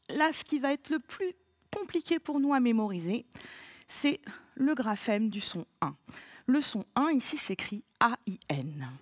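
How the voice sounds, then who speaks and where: A woman teacher leading a child through a slow, patient spelling lesson, spelling words letter by letter. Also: on the high side, dry recording, studio quality.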